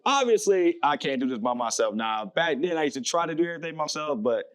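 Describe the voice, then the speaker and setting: A man's voice: fairly high pitch, expressive, fast, fairly bright tone, dry recording. A man from the US South, a filmmaker guest chatting on a podcast, rambling and self-correcting with easy laughs. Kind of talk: casual podcast interview.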